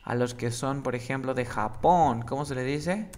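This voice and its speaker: A man with a mid-range, darkish voice teaches an English lesson, coaxing a student along. He drills words slowly, exaggerating the English sounds.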